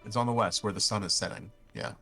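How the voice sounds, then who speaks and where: Deep, gravelly man running a tabletop game. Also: quick pace, bright, forceful tone, faint music behind. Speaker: game master. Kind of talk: improvised tabletop game narration.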